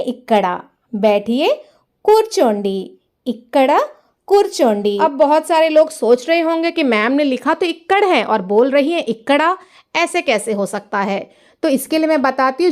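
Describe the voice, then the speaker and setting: A high-pitched woman gives a language lesson. She says each phrase slowly and clearly, then repeats it. She explains each point with patience. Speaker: language teacher. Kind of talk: slow, careful language lesson.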